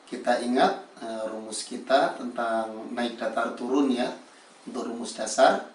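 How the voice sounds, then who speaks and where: A man teaching Quran recitation melody, explaining pitch steps slowly and then demonstrating them in a sung melody. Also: roomy sound, distant mic. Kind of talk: slow spoken lesson with sung recitation examples.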